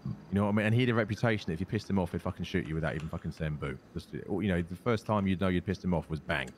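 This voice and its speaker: A man's voice: deep voice, racing, a little mellow. A British man chatting in character in a game, sweary and matey, over noisy game ambience. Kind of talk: improvised in-character game chat.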